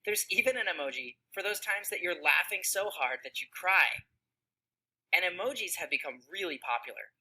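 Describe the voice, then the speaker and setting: Woman narrator for a kids' explainer, very bright and breathy, lively swoops in pitch, quizzes the audience. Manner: asks children questions and acts out tones of voice. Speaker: narrator of a children's explainer video. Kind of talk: scripted narration for kids.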